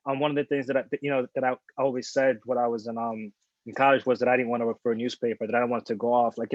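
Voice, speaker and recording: A man in his forties who was born in the Dominican Republic and grew up in New York, a photojournalist telling his career story in a relaxed, candid way with many fillers and restarts. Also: medium pitch, dry recording. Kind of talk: casual talk at a panel. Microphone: video call. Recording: dull lo-fi sound, dry.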